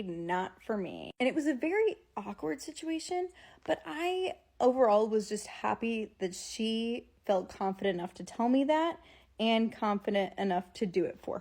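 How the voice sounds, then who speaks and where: A woman's voice: on the high side, darkish tone. Young adult female, American, bubbly sorority-girl type, casual conversational storytelling with plenty of filler "like". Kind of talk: casual chat to camera, storytelling.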